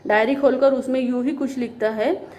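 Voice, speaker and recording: A woman's voice: high-pitched, steady tone, moderate pace, a little mellow. A woman teacher explaining a story in an online class, repeating lines and glossing words as she goes.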